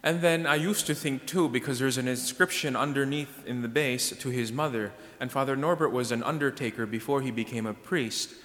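Priest preaching in a cathedral echo. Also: male voice, medium pitch, fairly quick, hardly any pauses, a bit bright. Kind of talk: sermon and scripture reading at Mass. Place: large church, indoors. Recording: cathedral-like echo, long church reverb.

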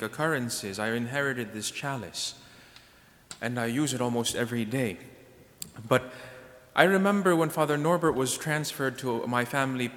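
Male priest, church service delivery, solemn deliberate phrasing, mid-pitched, long cathedral echo. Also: fairly bright tone, slight background noise. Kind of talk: sermon and scripture reading at Mass. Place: large church, indoors.

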